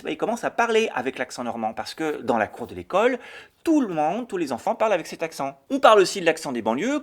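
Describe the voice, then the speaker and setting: A man hosting a children's educational show, explaining things in a playful, animated way. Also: a little high. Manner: animated, sing-song and playful. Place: home.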